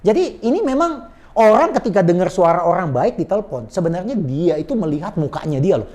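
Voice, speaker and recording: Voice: medium pitch, very animated, quick pace, mellow. A sales trainer explaining communication tips in an emphatic, conversational coaching style, politely adding "Pak" to many sentences. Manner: acts out sample phone greetings in a changed voice. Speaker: sales and body language trainer.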